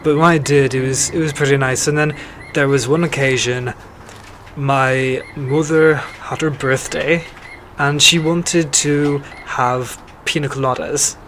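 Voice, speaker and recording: A young man, a podcast guest, telling his story in a halting way with many fillers. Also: mid-range voice, fairly even intonation, fairly bright tone, a little hiss or hum. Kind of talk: casual interview.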